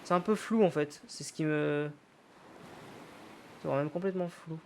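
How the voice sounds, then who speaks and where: A man's voice: a little high, measured pace, vocal fry, a little hiss or hum. A man giving casual let's-play commentary, thinking aloud, swearing casually and loosely paraphrasing the game's dialogue. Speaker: gaming YouTuber.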